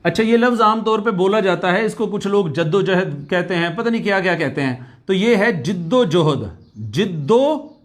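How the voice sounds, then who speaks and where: A man gives a recorded language lecture. He keeps going back over key words, stretching them out slowly so students can drill them. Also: sits high, animated. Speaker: Arabic language teacher.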